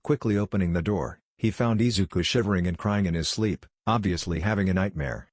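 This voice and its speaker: A man narrating a fan story in an even, unhurried reading voice. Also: low-pitched, no echo, studio quality. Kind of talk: slow scripted story narration.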